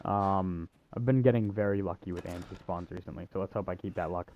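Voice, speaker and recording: Here a young man with a deep voice talks a little fast through a sarcastic, casual video game walkthrough, tossing in crude jokes. The lo-fi recording has slight background noise, with game music and sounds beneath his voice.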